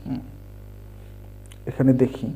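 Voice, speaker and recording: A man teaching English sounds in a slow explanatory lesson, spelling out letters and patiently repeating each word. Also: mellow, slight background noise. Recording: dull lo-fi recording.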